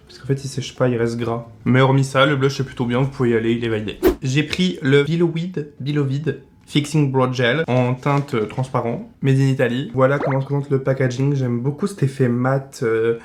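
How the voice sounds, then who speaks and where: A man's voice: medium pitch, steady tone, normal speed, background noise. A man in his twenties with a French accent, chatting casually in a beauty vlog and giving blunt product verdicts. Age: 20s. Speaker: beauty vlogger.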